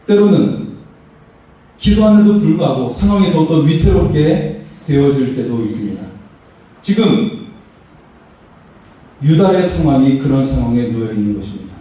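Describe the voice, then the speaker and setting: A man's voice: fairly high pitch, dark tone. A pastor, a man, preaching a sermon with emphatic, rising phrases. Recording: echoey hall, voice far from mic.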